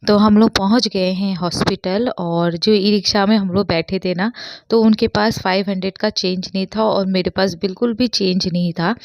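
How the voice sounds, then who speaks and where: A woman's voice: medium pitch, darkish tone, lo-fi sound. Chatty young mother vlogging. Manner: chatty, talks straight to viewers. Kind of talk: casual family vlog. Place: home, then hospital.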